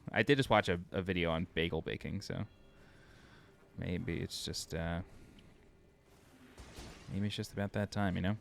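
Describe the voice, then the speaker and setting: New york guy talking over his game, low gravelly voice, kinda tired, chatty. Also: moderate pace, long pauses, a little hiss or hum. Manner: chatty, self-deprecating, thinking aloud. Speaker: game walkthrough narrator. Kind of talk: casual gameplay commentary.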